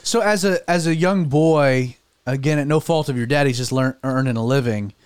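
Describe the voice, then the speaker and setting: A man's voice: medium pitch, moderate pace, smooth, dry recording, clean studio sound. Chatty male podcast host. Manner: chatty interviewer, frequent interjections. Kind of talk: casual chat.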